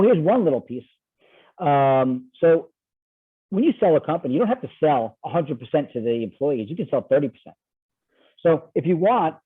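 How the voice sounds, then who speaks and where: A man with a New York accent answering interview questions, fast-talking and animated, over a video call. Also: fairly high pitch, breathy edge. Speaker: guest expert. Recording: tinny phone-like line.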